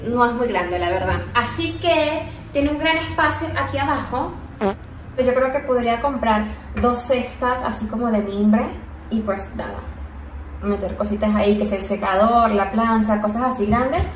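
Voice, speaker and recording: Chatting casually to the camera, this young vlogger shows off her empty new place, laughing often in a bubbly way. Her pitch sits a little high and her pace is moderate. The phone recording picks up echo from the bare rooms, music underneath and slight background noise.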